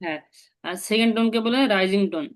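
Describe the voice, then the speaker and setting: A woman's voice: medium pitch, quick pace. Patient woman teaching. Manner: patient, explains step by step and asks the learner to repeat. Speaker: language teacher. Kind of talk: one-on-one language lesson.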